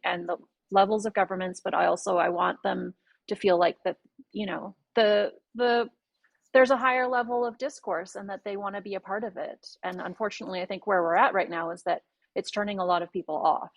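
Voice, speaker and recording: A woman's voice: medium pitch, steady tone, a little fast, vocal fry, no echo, muffled recording. Earnest Canadian woman, dry close sound. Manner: conversational, earnest, many fillers and restarts. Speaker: guest panelist. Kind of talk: casual panel discussion.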